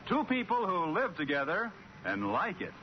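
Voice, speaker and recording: An American man playing a cheerful announcer for a 1940s radio family comedy, with bright theatrical storytelling. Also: high voice, huge pitch swings, normal speed. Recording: dull vintage 1940s radio, music behind.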